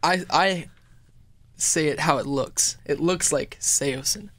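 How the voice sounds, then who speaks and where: A man's voice: fairly high pitch, takes it slowly, a crowd in the background. A young man, a band member guest on a radio interview, chatting easygoingly and often repeating words as he starts. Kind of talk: casual interview chat.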